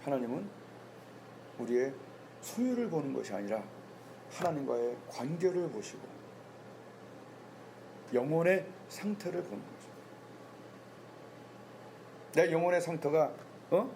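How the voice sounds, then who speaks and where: Male pastor, gravelly voice that sits a bit high, preaching with rhetorical questions; faint background noise on the recording. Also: expressive, measured pace, long pauses, a little mellow. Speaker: senior pastor. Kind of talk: sermon. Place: church sanctuary.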